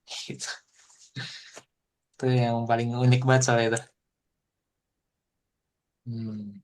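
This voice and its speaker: A man teaching a Japanese language class online, explaining in a relaxed, chatty way full of fillers. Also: medium pitch, slow. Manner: explains in relaxed casual Indonesian with frequent fillers.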